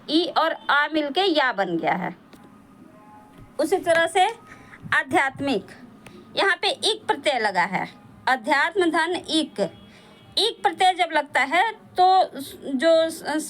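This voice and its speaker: A woman teaching a Hindi spelling lesson for exam preparation, explaining patiently with frequent pauses and fillers. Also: sits high, a bit bright.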